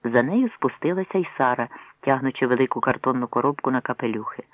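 Talking fast with lively intonation, a man narrates a novel as an audiobook, acting out the dialogue by changing his pitch for each character. No room sound is audible, though the audio has a tinny, phone-like quality.

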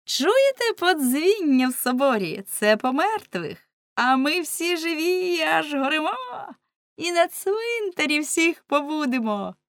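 A woman voicing a band of merry, reckless young women, loud and gleeful. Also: fairly high pitch, big pitch swings, a little slow, dry recording, voice pushed up. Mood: mocking. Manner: exclamatory, gleeful.

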